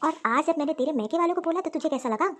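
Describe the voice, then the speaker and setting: Woman voicing an elderly grandmother-in-law, cartoon, high voice, scolding, lecturing. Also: racing, fairly bright tone.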